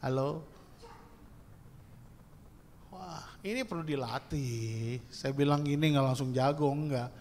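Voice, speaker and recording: A male pastor preaching a sermon in a playful, lively way, acting out little prayers and asides. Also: medium pitch, takes it slowly, long pauses, slight background noise. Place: church hall. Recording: church hall with long reverb.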